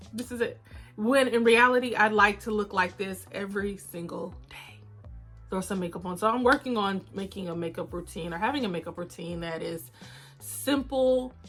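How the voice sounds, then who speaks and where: Woman in her thirties, vlogger, candid casual chat, mid-pitched voice, soft music underneath. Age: 30s. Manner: candid, unhurried, addresses viewers as y'all. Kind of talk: casual confessional chat to viewers. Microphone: phone camera.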